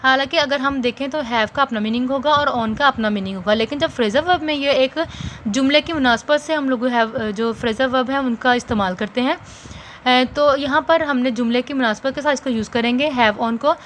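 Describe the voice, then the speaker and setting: A woman teaching an English lesson, reading each point slowly in English and then explaining it more quickly in Urdu. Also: sits high, a bit bright, a little hiss or hum, low-quality recording. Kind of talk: recorded online class lesson.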